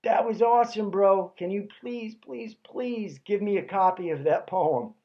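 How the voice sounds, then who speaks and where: A man puts on an eager seventeen-year-old boy who cheers his friend on in excited bro-speak. The voice jumps up high and bursts out loud. The recording sounds a little muffled. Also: measured pace. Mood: bubbly. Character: enthusiastic teenage boy, bubbly and admiring.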